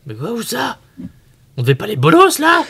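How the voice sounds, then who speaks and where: A woman's voice: a little high, huge pitch swings, moderate pace, very noisy. A woman bantering casually as a player in a tabletop game, mouthy and exasperated. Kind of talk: loud, casual tabletop role-play banter.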